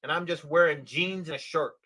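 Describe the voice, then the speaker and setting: Animated man telling a story, slightly high voice. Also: fairly quick. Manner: animated, acts out the voices of people in his stories. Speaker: podcast guest. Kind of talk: casual storytelling on a livestream.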